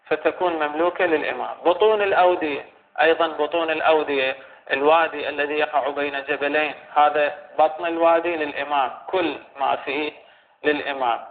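Brief: man, lecturing, slightly high and gravelly voice, repeats himself while explaining. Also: steady tone. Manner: halting, repeats and restates phrases while explaining. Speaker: religious teacher. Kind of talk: scholarly lecture explaining a legal text. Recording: tinny phone-like recording with faint hiss.

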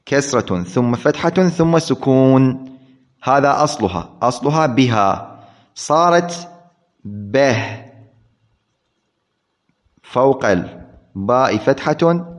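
A man giving a grammar lesson, repeating key words and asking questions he then answers himself. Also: medium pitch. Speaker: grammar teacher. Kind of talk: classroom lecture. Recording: dull lo-fi recording.

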